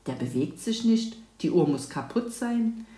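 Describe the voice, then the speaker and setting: A woman's voice: on the low side, sing-song, a little slow, mellow. A woman voicing a cautious, sensible young boy in a storybook, earnest and a bit reluctant. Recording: roomy echo.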